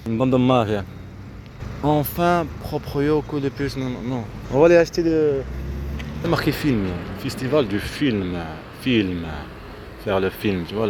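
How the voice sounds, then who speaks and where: A darkish, medium-pitched male voice rambles without a plan, repeating fragmented bits as his thoughts stray. He is outside near a road with vehicles passing, and the street recording carries heavy traffic noise.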